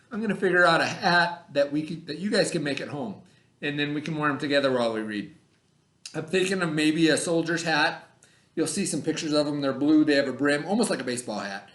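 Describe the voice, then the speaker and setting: Teaching children over video from an indoor room with noticeable echo, a middle-aged elementary teacher reads aloud and explains in a casual, conversational way. His slightly high voice is a little fast and fairly bright. He frequently repeats himself and quizzes the kids to confirm they understand.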